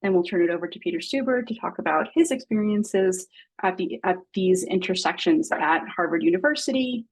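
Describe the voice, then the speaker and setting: Woman from Mexico, webinar host on a video call; hits stressed words high, trails off quietly. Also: breathy edge, rough recording. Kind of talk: hosting an online webinar.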